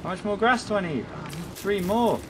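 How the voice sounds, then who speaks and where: A man giving jokey let's-play commentary, chatting to his in-game pet and swinging from bragging excitement to comic panic. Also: sits high, moderate pace, background noise. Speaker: gaming YouTuber.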